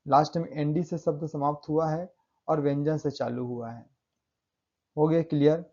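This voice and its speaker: A man teaching English pronunciation rules in a classroom style. He repeats example words slowly and stresses them hard. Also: fairly high pitch, fairly even intonation, a little mellow, dull audio.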